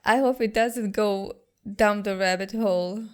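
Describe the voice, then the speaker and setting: Slow-talking woman reacting to a show. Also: mid-range voice, steady tone. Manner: exclaiming, swearing, slow musing asides. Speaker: reaction video host. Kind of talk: casual reaction commentary.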